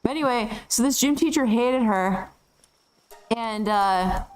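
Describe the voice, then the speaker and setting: A woman's voice: a little high, measured pace, smooth, faint music behind. A young woman telling a family story while gaming, rambling and full of fillers. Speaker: streamer.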